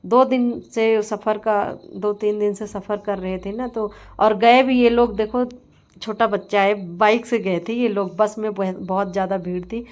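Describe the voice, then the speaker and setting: A woman's voice: medium pitch, steady tone, a little slow, a little mellow. A middle-aged woman vlogger chatting casually over her family video, laughing as she tells the story.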